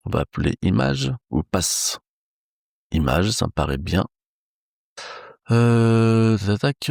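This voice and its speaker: A low, gravelly male voice, recorded close and dry, walking through code live. He thinks aloud in a relaxed, casual way, pausing on fillers as he goes. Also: no room sound. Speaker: programming instructor. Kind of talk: live coding tutorial.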